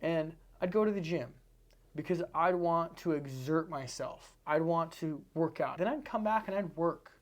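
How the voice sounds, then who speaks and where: A man's voice: a little high, normal speed. A man from Seattle, a podcast guest, talking earnestly in a casual interview with repetitive, emphatic phrasing. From Seattle, United States.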